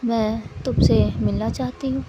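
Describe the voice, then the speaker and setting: A woman voicing a calm, teasing young woman rival on the phone, soft and unhurried. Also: a little high, highs cut off, noisy background, lightly acted. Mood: cool teasing.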